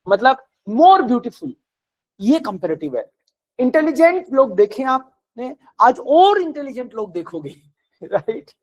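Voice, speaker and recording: In a classroom lecture with poor audio, a man with a very high-pitched voice teaches German. He explains grammar patiently and mixes in English words.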